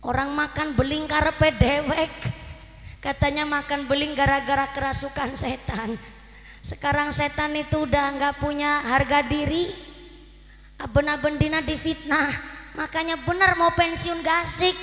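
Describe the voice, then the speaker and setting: A woman's voice: high-pitched, fairly even intonation, moderate pace, sharp tone. A woman preacher with a Javanese accent giving a humorous sermon, telling jokey stories and bantering with her audience over a public address system. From Cilacap, Central Java. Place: large mosque courtyard gathering. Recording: echoey PA sound in a big open space.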